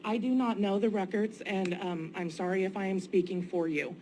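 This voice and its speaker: A woman's voice: medium pitch, fairly even intonation, normal speed, a little mellow. A woman delivering a formal, emphatic public comment at a meeting. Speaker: citizen giving public comment at a county meeting. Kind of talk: impassioned public statement. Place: indoor public meeting room. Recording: noisy meeting room ambience.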